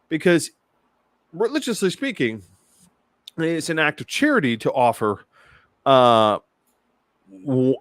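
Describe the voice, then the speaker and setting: A man's voice: medium pitch, dry recording. A man co-hosting a podcast, talking casually with lots of stammering restarts. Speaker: co-host.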